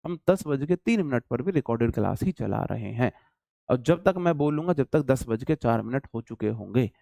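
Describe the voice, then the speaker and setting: A man's voice: mid-range voice, lively intonation, moderate pace, vocal fry, mellow, no echo, studio quality. A man with a Hindi accent teaching an online English class, chatty and teasing his students. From India.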